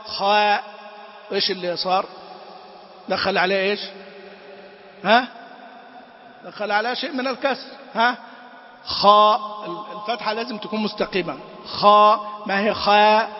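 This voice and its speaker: A man leads a tajweed lesson in a high voice. He chants words to demonstrate each sound, then breaks off with brisk corrections and short questions to his listeners. The recording is dull and lo-fi, with a long hall-like reverb. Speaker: Quran recitation teacher.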